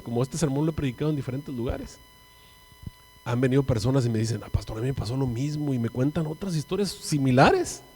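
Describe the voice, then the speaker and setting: Mexican pastor preaching in a reverberant church. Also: male voice, fairly high pitch. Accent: Mexican Spanish. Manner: dramatic, swings from hushed to loud. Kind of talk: sermon storytelling. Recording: long church hall reverb.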